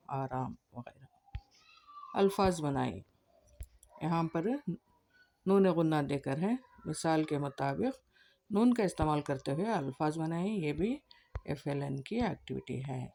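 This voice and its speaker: A woman teacher explaining a textbook page to other teachers, reading word lists slowly with drawn-out vowels. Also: deep voice, mellow.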